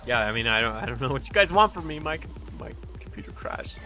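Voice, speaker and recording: A man's voice: mid-range voice, expressive, quick pace, sharp tone, faint music behind. A man casting a live strategy game match in a loose, chatty way, swearing freely. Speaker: esports caster. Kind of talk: casual live game commentary.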